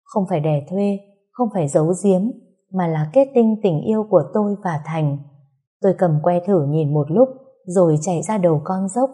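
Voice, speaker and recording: A woman tells a first-person story in a calm, steady manner. Her voice sits low and sounds husky and mellow. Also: normal speed. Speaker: narrator.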